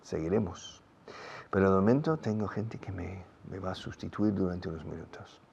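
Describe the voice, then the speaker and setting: A man's voice: deep voice, moderate pace, creaky, background noise. A man teaching English in a classroom explanation, drilling phrases and exaggerating pronunciation. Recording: dull lo-fi recording.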